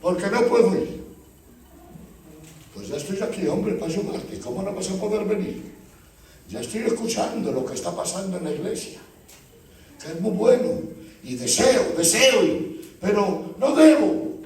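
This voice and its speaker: Pastor guy preaching, high voice, telling stories, mic far off, faint room noise. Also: warm tone. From Spain. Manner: storytelling, acts out dialogue with church members. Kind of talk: sermon. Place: church. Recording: echoey church hall from far off.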